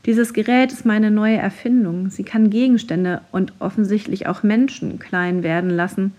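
A woman doing a flustered inventor professor from a children's audio story, fretting loudly about his shrinking machine gone wrong. The voice is a little husky and breathy, lifted above an everyday speaking pitch. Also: fairly even intonation, moderate pace, close to an everyday voice.

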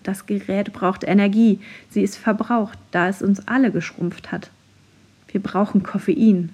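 A woman doing a flustered inventor professor from a children's audio story, fretting loudly about his shrinking machine gone wrong. The voice is a little husky and breathy, lifted above an everyday speaking pitch. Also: fairly even intonation, a little slow. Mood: worried.

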